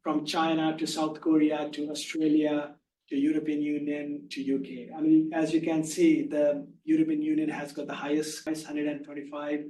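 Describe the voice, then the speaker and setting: A soft-spoken man giving a slide presentation, explaining his points in an unhurried way. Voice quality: soft-spoken, low volume. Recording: echoey room, far from mic, faint hum.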